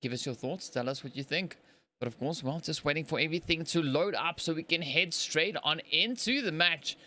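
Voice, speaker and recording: A man from Africa casts a mobile battle royale tournament solo on a live stream, chatty and rambling, with plenty of fillers and laughter at his own slips. His voice is a little high, fairly quick and sharp.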